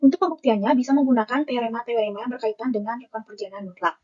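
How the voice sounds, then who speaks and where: A woman's voice: fairly high pitch, very fast, warm tone, slightly rough, dull audio. A young woman, a university student, reads her math lecture notes aloud and works through the formulas one term at a time.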